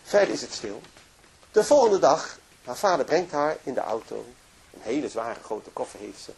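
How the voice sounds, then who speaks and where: Male religious storyteller, husky, very animated delivery, many restarts. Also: medium pitch, normal speed. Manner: lively, emotive narration with frequent restarts. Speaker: religious speaker. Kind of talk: storytelling lecture.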